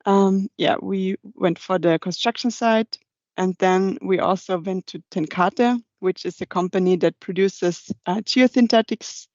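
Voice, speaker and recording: A woman's voice: medium pitch, a little mellow, dry recording. Young woman presenting, slightly muffled audio. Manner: halting, non-native English phrasing. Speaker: presenter for a young engineers' group. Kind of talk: informal slide presentation. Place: online video meeting. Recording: dull, muffled online call audio.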